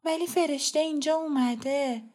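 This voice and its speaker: A woman's voice: high-pitched, steady tone, a little mellow, voice pushed up, lightly acted. A woman reading a story voices a frightened but defiant mother, speaking urgently and tensely.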